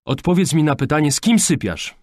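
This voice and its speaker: A man's voice: lowish voice, moderate pace, slightly rough, no echo, clean studio sound. A man voicing a strict, overprotective father who scolds in a raised voice. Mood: angry.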